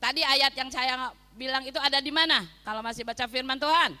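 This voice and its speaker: A woman pastor preaching a sermon, swinging between soft asides and loud, emphatic calls to her listeners. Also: high voice, fairly even intonation, fairly quick. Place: prison hall, preaching to inmates. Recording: long hall reverb.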